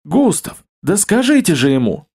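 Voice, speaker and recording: A man's voice: sits high, sing-song, normal speed, a little mellow, breathy edge, voice pushed up, full character voice. A man voicing a timid, fretful fat servant who babbles and begs in an audiobook. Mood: begging. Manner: pleading, babbling.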